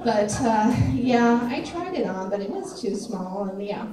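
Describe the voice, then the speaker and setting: A woman's voice: a little high, expressive, measured pace. A woman performing a stand-up comedy set, chatty and self-deprecating, often asking the crowd questions. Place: comedy club stage. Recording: echoey club from far off with crowd. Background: audience laughter.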